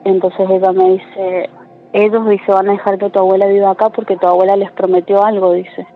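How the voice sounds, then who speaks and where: A woman's voice: medium pitch, level tone, fairly quick. A woman, a caller telling a true story in a chatty way with lots of tag questions. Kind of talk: casual storytelling. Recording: tinny phone line with faint noise.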